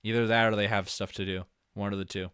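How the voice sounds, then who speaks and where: A man streaming live, reacting to a video with excitable, swearing, joking commentary. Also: lowish voice, fast, clean tone. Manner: excitable, swears, laughs and jokes a lot.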